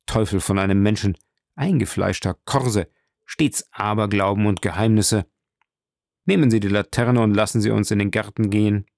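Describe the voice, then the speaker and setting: A man's voice: fairly low pitch, steady tone, moderate pace, creaky, a little mellow, no room sound, clean studio sound. A man voicing a commanding, mocking nobleman who orders his servant about. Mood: scornful. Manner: imperious, ironic.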